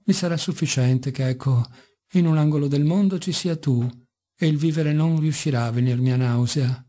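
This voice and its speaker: A man's voice: fairly high pitch, normal speed, mellow, natural voice. A man voicing a mocking, brooding young intellectual in an audiobook, speaking with bitter irony. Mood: ironic. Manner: ironic, bitter, sometimes passionate.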